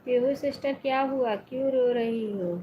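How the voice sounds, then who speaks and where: A woman's voice: on the high side, normal speed, highs cut off. A woman hosting a live stream in casual chat, greeting her viewers by name and reading their comments aloud. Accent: Hindi with Awadhi region background.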